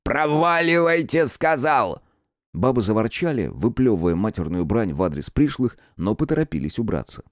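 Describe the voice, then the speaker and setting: Low-voiced expressive male narrator. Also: a little fast, few pauses, no room sound, clean studio sound. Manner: expressive storyteller. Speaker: audiobook narrator. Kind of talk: scripted narration.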